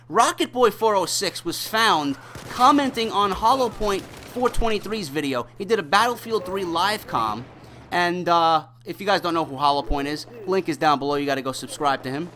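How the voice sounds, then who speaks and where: Animated, bright-voiced mocking young man. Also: high-pitched, normal speed, a little hiss or hum. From New York. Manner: animated, mocking, ranting delivery. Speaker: gaming YouTuber reading hate mail. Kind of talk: gameplay voice-over commentary.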